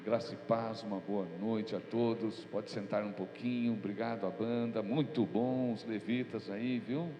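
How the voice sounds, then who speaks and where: A pastor leads prayer and a sermon in a church hall, speaking earnestly and informally with a nasal, stuffy voice from a cold. His voice is lowish with fairly even intonation, and he talks unhurriedly with hardly any pauses. The hall is echoey and there's a mains hum.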